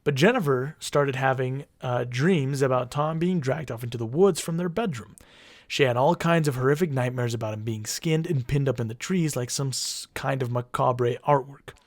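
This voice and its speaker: A man's voice: medium pitch, normal speed, no echo. A man co-hosting a podcast, narrating a creepy story with dry jokes. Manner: wry, deadpan jokes. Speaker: podcast co-host. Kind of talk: casual storytelling.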